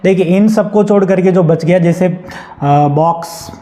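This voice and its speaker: A young male teacher with a Hindi accent explains a grammar point in a high, mellow voice. He asks the class a question again and again, then answers it himself. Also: steady tone, measured pace. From India. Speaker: English teacher.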